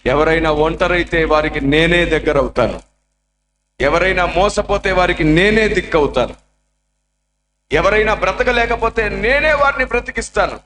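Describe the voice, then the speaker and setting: A man speaking as God in a gentle, reassuring voice. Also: high-pitched, normal speed, slight background noise. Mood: comforting. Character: God, a tender comforting male voice. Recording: echoey room.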